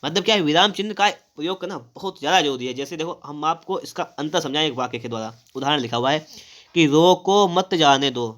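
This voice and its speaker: A man's voice: a little high, a little fast, a bit bright. A man teaching a grammar lesson for exams, explaining step by step and asking and answering his own questions. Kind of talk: exam-prep grammar lesson.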